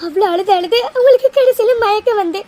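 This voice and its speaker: A grown daughter in a cartoon, voiced by a performer, frightened for her mother and reproachful. Her voice is shrill and very high. She scolds and repeats herself through tears. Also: fast, mellow. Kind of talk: cartoon voice acting.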